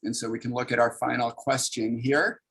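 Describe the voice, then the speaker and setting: A man's voice: mid-range voice, flat delivery, normal speed, gravelly, fairly bright tone, low-quality recording. A man in his thirties, a comics artist leading an online library workshop, talking casually and upbeat with many fillers over a video call.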